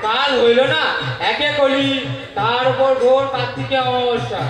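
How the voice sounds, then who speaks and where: A man playing a bossy, fussy village priest who complains in loud exclamations with an Eastern Bengali accent. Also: extremely high pitch, steady tone, normal speed, gravelly, full character voice. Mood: lamenting. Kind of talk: comic-melodramatic stage acting. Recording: very echoey stage sound.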